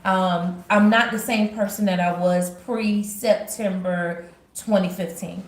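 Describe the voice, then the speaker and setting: A woman's voice: medium pitch, fairly even intonation, takes it slowly. A woman from Georgia with a Southern accent, chatting to viewers in a casual devotional vlog. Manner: chatty, talks straight to viewers. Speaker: vlogger. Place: at home. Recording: roomy home recording.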